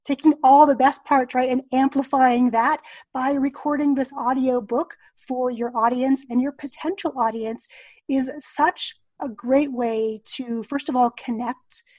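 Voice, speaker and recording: A woman hosts an interview, building on her guest's ideas in an affirming, reflective way. Her voice sits a little high. The recording is dry and close. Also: fairly even intonation, a little slow, a little mellow, no room sound. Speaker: podcast host. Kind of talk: conversational interview.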